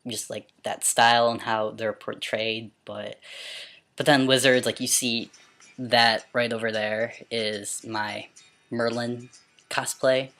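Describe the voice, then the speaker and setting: An amateur vlogger with a mid-pitched, androgynous voice, speaking casually and stumbling now and then over words. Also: flat delivery, fairly bright tone, faint music behind. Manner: halting, stumbles over words and repeats them when reading. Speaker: amateur video blogger. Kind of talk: casual question-and-answer vlog with some read-aloud passages.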